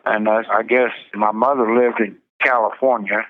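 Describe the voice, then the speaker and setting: A man's voice: fairly low pitch, fairly even intonation. A terse man on a tinny prison phone. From Missouri. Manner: terse, halting short answers. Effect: prison phone line. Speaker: prison inmate interviewee. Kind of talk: phone interview.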